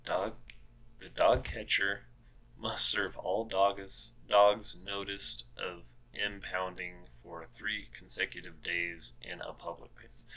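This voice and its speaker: A man with a very low, bright-edged voice talks at an unhurried pace. He reads out strange laws, then rereads and questions them in a wry, puzzled tone, full of ums and uhs. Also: poor audio. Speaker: host. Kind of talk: casual commentary reading out laws.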